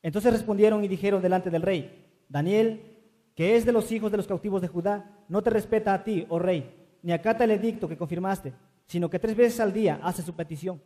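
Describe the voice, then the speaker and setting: A man reading scripture aloud in a steady, measured way. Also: high voice. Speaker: scripture reader. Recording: long reverb.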